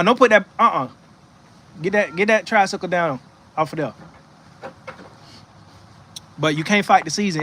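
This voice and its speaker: Sitting in a rocking chair on his porch outdoors, a man hosts a faith livestream, offering casual spiritual encouragement and reading the chat. His voice is on the high side and a bit bright, and his chatty, preachy talk is full of restarts and "you know what I'm saying." Slight background noise can be heard.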